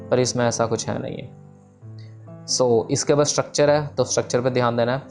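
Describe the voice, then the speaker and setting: A man teaching the structure of Sikh scripture verses in a casual, explanatory way, pausing on fillers and mixing in English terms. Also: medium pitch, darkish tone.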